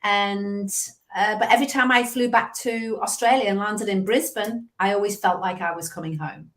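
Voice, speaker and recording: Here's a sales coach from England, a woman in her fifties with a Liverpudlian accent, spinning yarns as an interview guest over video call. She talks at normal speed with a medium-pitched voice, keeping things casual and chatty, full of animated side comments.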